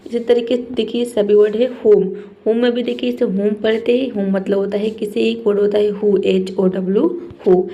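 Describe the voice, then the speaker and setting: A woman's voice: medium pitch, level tone, moderate pace, dark tone. Patient woman teaching English spelling. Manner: explains patiently and repeats each word, often adds "theek hai". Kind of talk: spelling lesson explained in Hindi.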